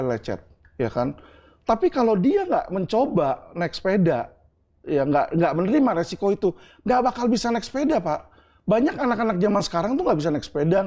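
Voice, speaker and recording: A man's voice: sits high, darkish tone. A middle-aged man from Indonesia in an interview, answering earnestly and explaining with homely examples and asides like "right?". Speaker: interview guest.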